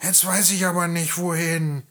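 A man's voice: on the high side, level tone, moderate pace, fairly bright tone, voice pushed up, close to an everyday voice. A man voicing a grumpy, sulky old cat in a fairy tale reading, speaking in a hissy, whining way. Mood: grumbling.

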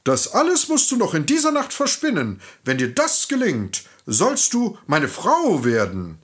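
A man's voice: high voice, wildly swooping pitch, unhurried, breathy edge, voice pushed up, exaggerated voice. A man playing a stern, greedy old king. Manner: stern and commanding.

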